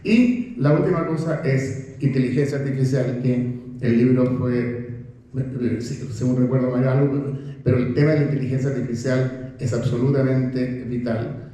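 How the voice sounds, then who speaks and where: An older man with a Chilean accent, a professor giving an animated, conversational talk to an audience, full of rhetorical questions and restarts. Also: mid-range voice, moderate pace. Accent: Chilean Spanish. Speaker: professor speaking at a book presentation. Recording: very echoey room.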